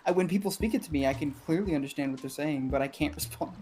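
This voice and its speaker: A woman's voice: deep voice, quick pace, warm tone. A woman in casual stream chat, teasing and laughing as she talks. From Mexican family. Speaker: stream co-host.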